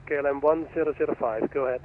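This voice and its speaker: A man working as an air traffic controller, giving procedural clearances over a radio. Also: on the high side, fairly even intonation, racing. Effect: radio transmission. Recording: narrow tinny radio, faint noise.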